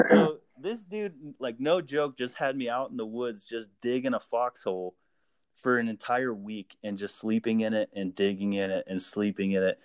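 A man, a guest and army veteran, tells stories in a casual, relaxed and profane way, acting out the dialogue as he goes. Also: medium pitch, moderate pace, dry recording, studio quality. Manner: lively anecdote-telling, acting out quoted dialogue; relaxed and profane, with frequent fillers. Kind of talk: casual spoken storytelling.

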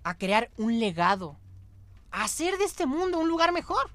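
A man's voice: very high voice, sing-song, normal speed, fairly bright tone, dry recording. Earnest man giving motivational talk. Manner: earnest and exhorting, repeats phrases. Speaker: podcast host. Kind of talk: motivational monologue.

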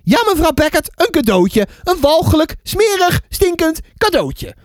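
A man doing a shrill, haughty old neighbour woman. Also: sing-song, unhurried, no room sound, clean studio sound, exaggerated voice. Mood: indignant. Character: stern prim older woman neighbour.

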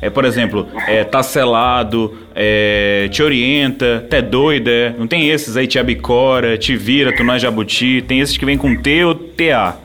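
A man's voice: medium pitch, moderate pace, hardly any pauses, a bit bright, soft background music. A man with a Paraense Brazilian Portuguese accent, hosting a casual chat and listing slang examples with many fillers. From Pará, Brazil. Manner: conversational, lists examples with fillers.

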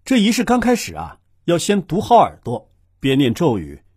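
A man voicing a good-humored, teasing father in a children's audio drama, spinning tales in a lively way. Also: on the high side, moderate pace, slightly rough, no room sound, clean studio sound, heavily acted. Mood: storytelling.

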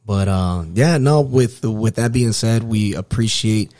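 A middle-aged man with a low voice in a dry, close recording. He hosts a podcast in a casual, earnest way, often repeating phrases as he finds his words. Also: unhurried, mellow, no room sound. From New York, United States. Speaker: podcast host.

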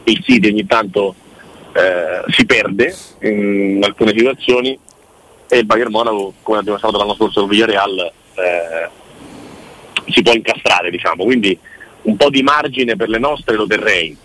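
A man talks sport on air as a commentator, his voice fairly low yet bright and forward. He speaks casually and discursively, readily offering opinions. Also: normal speed, rough recording.

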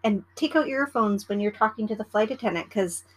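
Woman, middle-aged, casual podcast chat, animated and chatty, plays out passenger exchanges, medium pitch. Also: brisk, low-quality recording. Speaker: podcast host, former flight attendant. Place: at home in the evening.

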